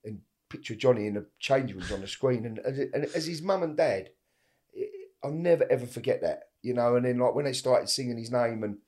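A man's voice: mid-range voice, mellow. A middle-aged man with an Essex accent, chatting casually in a down-to-earth, emphatic way. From East London and Essex, England. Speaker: interview guest, a boxer's father. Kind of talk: casual chat.

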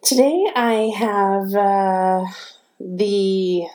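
A woman co-hosts a podcast in a chatty, informal way. Her speech has a faint whistle on the s sounds, the kind that comes with braces. Her pitch sits in an ordinary middle range for a woman. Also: drawn-out words, darkish tone. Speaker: podcast co-host. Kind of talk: casual conversational podcast talk.

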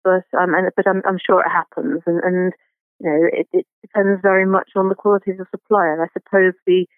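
High-voiced garden writer on a phone-like line. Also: male voice, little pitch movement, clear, resonant tone, no echo. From Britain. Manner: halting, many restarts and fillers. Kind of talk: conversational interview.

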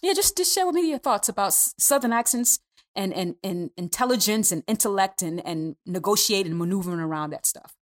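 A woman hosts an interview podcast, her questions full of false starts and rephrasings. Her pitch moves a lot, rising and falling across each sentence. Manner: animated, halting, many restarts. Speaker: podcast host.

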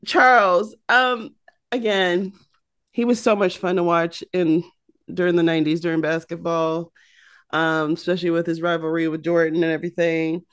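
A woman's voice: fairly low pitch, flat delivery, moderate pace, smooth. An American woman co-hosting a chat podcast. She talks in a loose, chatty way, with plenty of "um"s and "you know"s between her thoughts. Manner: chatty, uses many fillers. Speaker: podcast co-host. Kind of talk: casual chat.

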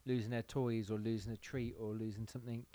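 A man's voice: fairly low pitch, flat delivery, brisk, warm tone, no echo. A man in his thirties, easygoing and nostalgic in casual chat among friends.

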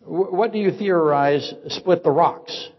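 With a fairly high, slightly rough voice, an older pastor takes his sermon slowly in a church sanctuary. He teaches through a barrage of rhetorical questions. The recording has a dull, echoey quality.

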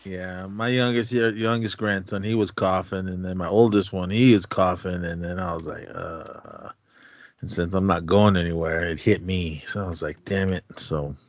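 A man's voice: low voice, fairly even intonation, moderate pace, no room sound. A middle-aged man co-hosting a podcast in casual, laid-back, slangy chat. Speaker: podcast co-host. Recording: dull lo-fi, dry close sound.

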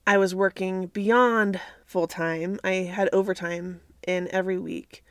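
A woman's voice: medium pitch, fairly even intonation, measured pace, clear, resonant tone, dry recording. A woman hosting a faith podcast in an earnest, conversational way, recorded close to the microphone inside a small closet at home. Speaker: podcast host. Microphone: close microphone at a computer.

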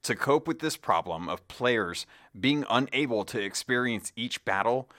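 A man's voice: medium pitch, expressive, a little slow, bright, forceful tone. A man hosting a podcast, reading scripted gaming news in an announcer-like way. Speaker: podcast host.

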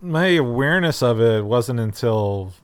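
A man's voice: medium pitch, expressive, measured pace, smooth. A man co-hosting a casual film podcast, hesitant and self-deprecating, with many fillers. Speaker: podcast co-host.

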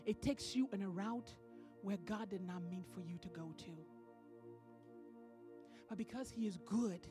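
A woman minister preaching a sermon in a church, building emphasis and breaking into laughter now and then. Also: on the high side. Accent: non-American English.

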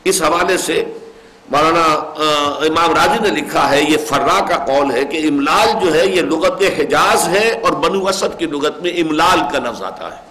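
A man's voice: on the high side, bright, forceful tone, low-quality recording. An older man giving a religious lecture, reciting verses and explaining them. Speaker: Quran commentator.

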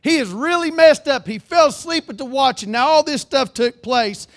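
A man preaching a sermon, reading scripture aloud and calling for amens, swinging between loud emphatic lines and low earnest ones. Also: normal speed.

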